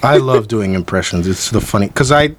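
A man's voice: lowish voice, animated, fairly quick. A young man in his twenties co-hosting a podcast, talking casually and rambling with restarts. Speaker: podcast co-host. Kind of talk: casual chat.

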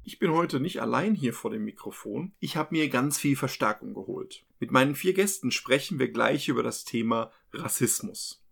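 Earnest German podcast host, gravelly voice. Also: male voice, mid-range voice, animated, moderate pace, few pauses, a bit bright. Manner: earnest, impassioned. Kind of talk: hosted podcast talk.

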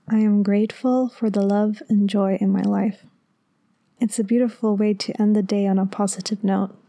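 A woman podcast host reading a script in a soft, soothing, half-whispered sleep-story narration. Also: mid-range voice, dry recording.

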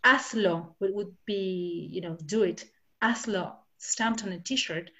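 The audio is dull, and the woman's medium-pitched voice sounds sharp as she speaks slowly. Originally a Spanish speaker from Argentina, she's a translator talking casually about research and translation, full of fillers and restarts.

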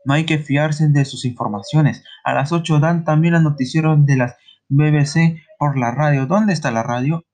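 A weary, grumbling middle-aged father, voiced by a man retelling a story. He speaks gruffly and dismissively, in a voice a little quieter and lower than the narration around it. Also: normal speed, lightly acted.

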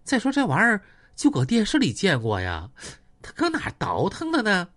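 A boastful, coarse gang boss, put on by a male storyteller. He taunts and threatens, and his pitch leaps up and down with every line. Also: huge pitch swings, a little fast, fairly bright tone, heavily acted. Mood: stunned.

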